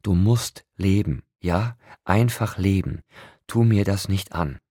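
A man's voice: sits low, lively intonation, moderate pace, a little mellow, no echo, studio quality. A man reading an audiobook, voicing an upset young man who urgently pleads with a friend. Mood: pleading.

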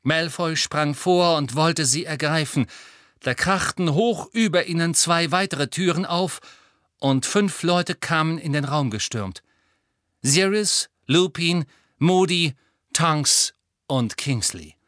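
A man narrating an audiobook with an expressive, dramatic reading. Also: a little high, takes it slowly, dry recording, clean studio sound. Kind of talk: scripted narration.

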